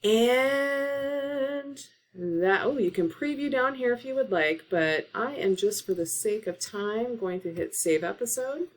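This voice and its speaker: A woman's voice: fairly high pitch, animated, slow. A woman teacher-librarian giving a casual tutorial, talking through steps on her laptop with frequent fillers, recorded on the laptop microphone. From Oregon. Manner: casual, filler-heavy instruction. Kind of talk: screen-share tutorial.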